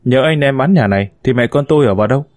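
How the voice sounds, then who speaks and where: A man's voice: mid-range voice, racing, darkish tone, no room sound, close to an everyday voice. A shrewd, suspicious village wife, as a male narrator puts her on. She speaks sharply and mockingly, doubting everything her husband says. It is a storybook reading with a dry, close sound.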